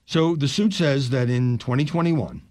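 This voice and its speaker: An older man hosting a news podcast, reading stories aloud and dropping his voice low for quick asides. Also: no echo, studio quality. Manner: animated delivery, drops low for asides.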